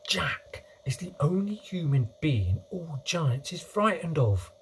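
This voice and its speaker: Man doing a hushed, high-pitched gentle giant. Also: big pitch swings, slow pace, a little hiss or hum, full character voice. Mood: confiding. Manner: hushed, confiding, quaint muddled grammar. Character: gentle, cautious friendly giant with muddled grammar.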